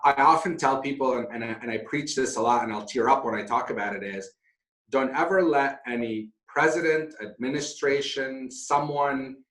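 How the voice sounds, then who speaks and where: A middle-aged Syrian hotel founder talks as a guest in a conversational interview, candid, self-deprecating and passionate. His medium-pitched voice is a bit bright and moves at a moderate pace. The room is echoey.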